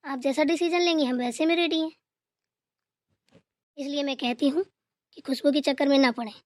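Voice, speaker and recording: A woman's voice: high voice, moderate pace, darkish tone, no echo, studio quality, lightly acted. A woman voicing a strict middle-aged mother in a cartoon who lectures her daughter and mother-in-law. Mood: lecturing. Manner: lecturing, preachy.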